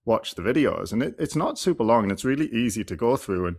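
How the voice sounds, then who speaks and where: A man who hosts a podcast and also works as a clinician talks in a casual, thoughtful, rambling way, full of fillers and restarts. His mid-range voice is darkish and slightly rough, and he speaks fast with lively intonation.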